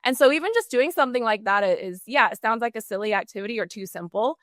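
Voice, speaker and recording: A woman's voice: on the high side, animated, fairly bright tone, no room sound, clean studio sound. A woman guest on a podcast, answering with enthusiasm in a coaching tone. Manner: enthusiastic, coaching tone with quick acted examples. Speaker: podcast guest, customer service trainer. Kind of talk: energetic interview answers.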